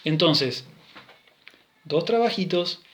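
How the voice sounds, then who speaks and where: A man's voice: fairly high pitch, expressive, slow pace, fairly bright tone. A man with a Rioplatense Spanish accent, a music teacher giving a recorded class, counting steps and singing rhythm syllables as he explains.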